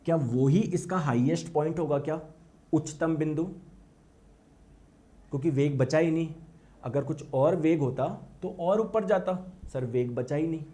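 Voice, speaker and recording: High-voiced man teaching a physics class. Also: a little slow. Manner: energetic, repeats words for emphasis, asks students yes-or-no questions.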